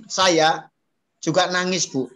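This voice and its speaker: A man's voice: high-pitched, steady tone, slow pace, a bit bright. Male pastor, Bible study talk, earnest and coaxing, emphatic on points. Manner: earnest, coaxing, often tags his points with a friendly address; emphatic, voice rising on key points.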